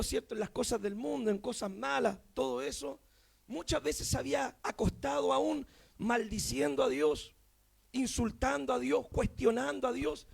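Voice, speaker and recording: Preacher, man in his thirties; very high, gravelly voice; shouts his testimony in repeated refrains. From Chile. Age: 30s. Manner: impassioned, shouting, repetitive refrains. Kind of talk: fervent Pentecostal testimony sermon.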